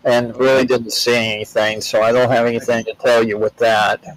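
A man's voice: mid-range voice, little pitch movement, moderate pace, dry recording, rough recording. An older American man talking as an interview guest, telling travel stories in a rambling, plainspoken way with frequent restarts. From United States. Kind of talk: relaxed storytelling in an interview.

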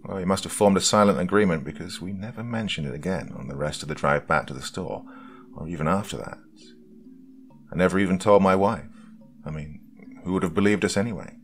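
Faint music runs under a slow, hushed reading of a first-person horror story. The narrator, speaking close to the microphone, has a gravelly voice of extreme depth and delivers the scripted tale aloud.

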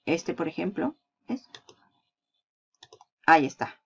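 Lady doing a screen tutorial, bit of fry in her voice, dull lo-fi sound, keys clacking. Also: deep voice, big pitch swings, takes it slowly, a bit bright. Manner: walks through steps while clicking, asks and answers her own questions. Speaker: online marketing tutor.

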